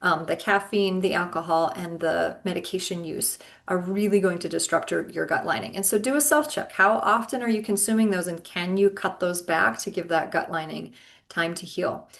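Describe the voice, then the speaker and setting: A woman's voice: on the low side, moderate pace, gravelly. A woman health coach giving advice as a podcast guest, explaining in an earnest way with frequent ums. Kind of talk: advice in casual interview.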